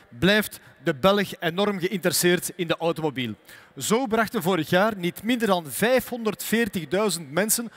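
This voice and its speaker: Man, corporate executive, measured formal delivery, high pitch. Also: a bit bright. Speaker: company executive. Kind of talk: prepared press statement. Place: expo hall.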